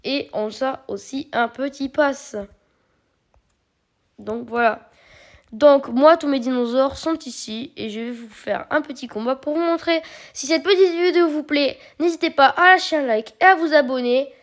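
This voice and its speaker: A woman walks viewers through a mobile game in a casual, chatty way. Her voice sits a little higher than usual. She explains each step patiently, filling the gaps with small hesitations. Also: moderate pace. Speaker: mobile game video creator. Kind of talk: casual gameplay commentary.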